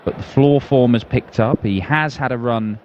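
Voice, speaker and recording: Man, live darts commentary, medium pitch, dull broadcast sound, faint noise behind. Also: moderate pace, darkish tone.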